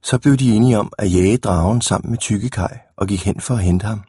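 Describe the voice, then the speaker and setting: Husky low-voiced man reading a storybook. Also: warm tone, no room sound, studio quality. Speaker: narrator.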